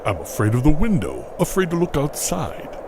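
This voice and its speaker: A man's voice: on the high side, huge pitch swings, moderate pace, background noise. A man playing a fearful, weary Santa in an audio play, with a brooding, dramatic delivery. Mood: fearful, reluctant. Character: troubled, fearful, weary male Santa Claus.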